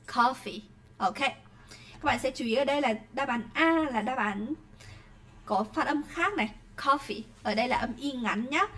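High-voiced Vietnamese woman teaching English. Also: fairly bright tone. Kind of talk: online class teaching.

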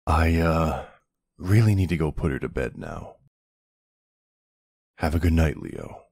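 Acting as a doting mafia boss husband and father for intimate ASMR roleplay, a man uses an exaggerated, very deep, gravelly, husky voice with fry and big pitch swings. He speaks slowly and softly, with tender, hesitant pauses and an earnest, warm mood, recorded close and dry with no echo.

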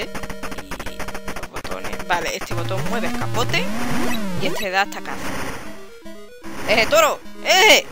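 A speaker with a Spanish accent from Spain giving casual gameplay commentary, chatty, swearing freely and shouting to cheer the game on. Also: mid-range voice. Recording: loud background game music.

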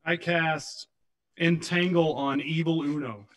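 Fairly high male voice, a blunt, gung-ho tabletop player. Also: fairly even intonation, slow, fairly bright tone. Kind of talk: playing a tabletop game.

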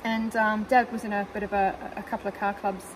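A woman's voice: mid-range voice, level tone, fairly quick, slight background noise, rough recording. A New woman chatting casually and rambling about her car, with lots of fillers and giggles, recorded in a car. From New Zealand. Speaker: car owner guest. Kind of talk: casual chat. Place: in a parked car.

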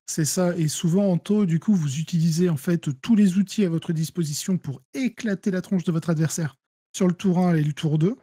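A French-accented man talking through strategy for a tabletop wargame in a relaxed, mellow voice. He explains things step by step, trailing off into fillers and restarting his sentences. The sound is dry and close. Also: high voice, fairly quick, breathy edge, no echo. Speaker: guest player. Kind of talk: casual gaming discussion.

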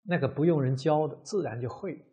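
A man giving a measured Buddhist dharma lecture, drawing out his phrases and filling pauses with many drawn "ah" sounds. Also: a little high, dark tone, husky.

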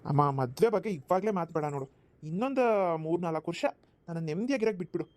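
A man voicing a calm dutiful young son. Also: high voice, fast talker, no echo.

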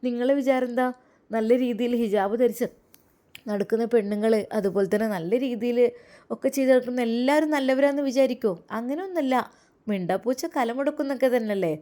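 A woman's voice: on the high side, fairly quick, close to an everyday voice. A woman voicing a sly, pushy woman who coaxes and gossips on the phone. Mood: sly coaxing. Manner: coaxing, gossiping, loud.

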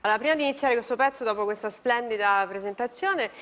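Woman, high bright voice, comic TV monologue, theatrical and exasperated. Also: fast talker. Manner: theatrical, exasperated one-sided phone talk. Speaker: comic performer. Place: TV studio with live audience.

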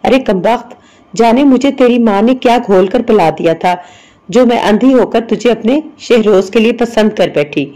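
Woman narrator voicing proud sharp-tongued mother, scolding, mellow low-toned voice, storybook reading. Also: lightly acted. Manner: scolding, boastful.

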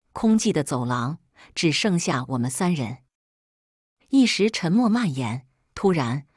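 A woman narrates a first-person drama story in a low, breathy voice with a measured, even delivery. The recording is dry and close, with no room sound. It reads like an audio storybook. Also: dry recording.

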